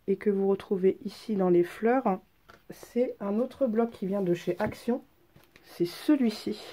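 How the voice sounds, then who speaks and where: With a medium-pitched, dark-toned voice and audio whose highs are cut off, a female craft vlogger presents handmade cards. She has a head cold and sounds stuffy, and her casual show-and-tell is chatty, hesitant and thick with ums.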